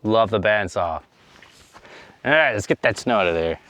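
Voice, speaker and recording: Out in a snowy yard with a noisy background, a young man vlogs about his homestead to an action camera, slightly breathless and wandering through fillers and trailing side comments. He speaks in a lowish voice with lively intonation at a moderate pace.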